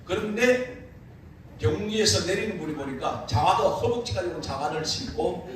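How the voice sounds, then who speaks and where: A man's voice: high-pitched, normal speed. A man preaching at a revival meeting, telling funny stories and laughing as he goes. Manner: animated, laughing through his anecdotes. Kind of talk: humorous revival sermon storytelling. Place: church sanctuary. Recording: echoey church hall, distant mic, room noise.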